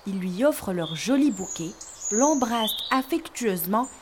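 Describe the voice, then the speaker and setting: Expressive woman telling a children's story. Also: medium pitch, normal speed, noisy background. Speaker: narrator. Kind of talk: scripted storybook narration for learners.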